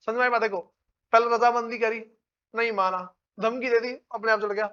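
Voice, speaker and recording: A male teacher gives an informal lecture with a very high-pitched voice. He talks to his students like friends and keeps checking that they follow. The recording sounds dull and lo-fi. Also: fairly even intonation, brisk, sharp tone, smooth. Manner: calls listeners "brother".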